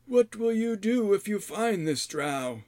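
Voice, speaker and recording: A man voicing a gaunt old male hermit who chides slowly in a high, quavering voice. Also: very animated, a little mellow, no room sound, full character voice. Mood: chiding. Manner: slow, drawn-out, high quavering delivery. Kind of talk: audiobook character voice.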